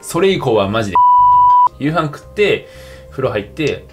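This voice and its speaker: A man's voice: mid-range voice, big pitch swings, moderate pace. A tipsy young man chatting casually and rambling in slangy speech as he livestreams a game over drinks. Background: game music.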